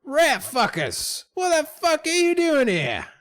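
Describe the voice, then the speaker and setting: A blustering older miner in a tabletop game, loud and foul-mouthed, his voice cranked up high, as a man puts him on. He sounds gruff and lively and talks slowly. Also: exaggerated voice. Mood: angry.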